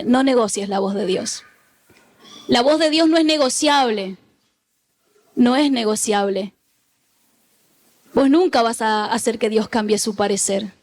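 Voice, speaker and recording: A high-pitched woman delivers a sermon as pastor. She exhorts her congregation, repeating key lines so they echo them back. She slips into animated storytelling as she preaches.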